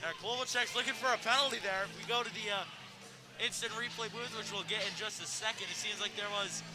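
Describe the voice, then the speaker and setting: A man's voice: high-pitched, fairly even intonation, brisk, music in the background, low-quality recording. A young man giving hockey color commentary in a chatty, analytical way with some hesitation.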